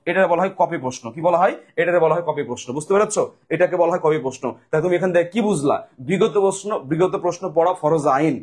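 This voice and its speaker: A man's voice: fairly high pitch, quick pace, darkish tone, slightly rough. A male tutor from Bangladesh explaining exam questions to students, drilling them by asking questions and answering them himself. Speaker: admission test tutor.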